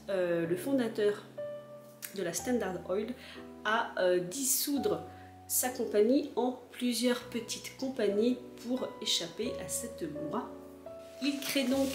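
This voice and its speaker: A woman's voice: medium pitch, echoey room. A woman vlogger chatting casually as she explains a history, with frequent hesitations.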